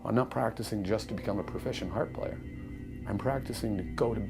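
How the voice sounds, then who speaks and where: A man with a low voice muses on his own life as a storyteller would. His phrasing is lyrical and earnest, and music plays clearly behind him. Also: fairly quick. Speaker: harp player. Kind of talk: reflective personal storytelling. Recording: music under the voice.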